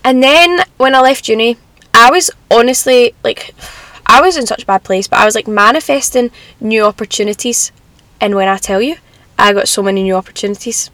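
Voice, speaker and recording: A woman's voice: a little high, brisk, a bit bright, no echo. A young Scottish woman giving casual motivational advice in an upbeat, encouraging, chatty manner, like a self-help vlogger. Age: young adult.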